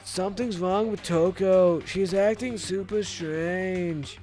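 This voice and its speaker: Man doing a high, drawling stoner teenage girl. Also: fairly even intonation, takes it slowly, darkish tone, faint music behind. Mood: worried. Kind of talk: video game character voice-over.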